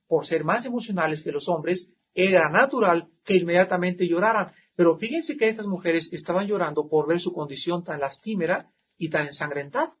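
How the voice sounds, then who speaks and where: A man preaching a sermon as a pastor, emphatic and dramatic, swinging from loud to soft. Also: sits high. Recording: slightly dull archival sermon recording, faint hiss.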